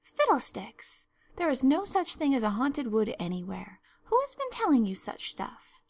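A woman voicing a stern, sensible older woman in a storybook, brisk, sarcastic and scolding. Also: medium pitch, expressive. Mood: incredulous, scolding. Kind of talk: storybook narration.

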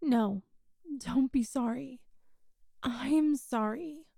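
Slow, hushed woman with a high voice. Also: gravelly, no room sound, clean studio sound. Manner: soft, hushed and coaxing, partly whispered. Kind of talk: intimate audio roleplay.

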